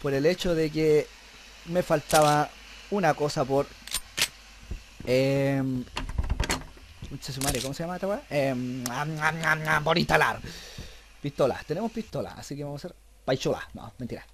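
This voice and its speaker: A young man with a Chilean accent giving let's play commentary, cursing nonstop and breaking into panicked yells. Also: on the high side, moderate pace, long pauses, noisy background. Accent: Chilean Spanish. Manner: swears constantly, bursts into panicked yelling. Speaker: gamer. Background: horror game music and sounds.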